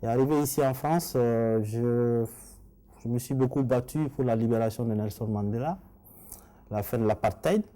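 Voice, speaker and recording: Interviewed as a political candidate, this middle-aged man from Mali gives earnest, formal answers in a Malian accent. He speaks at a moderate pace in a mid-range voice with a dark tone.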